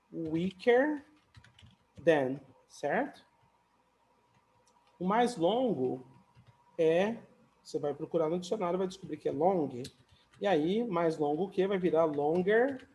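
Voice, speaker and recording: A man's voice: sits high, a little mellow. A man teaching English comparatives in a casual, chatty video lesson, often adding little tag questions and light jokes.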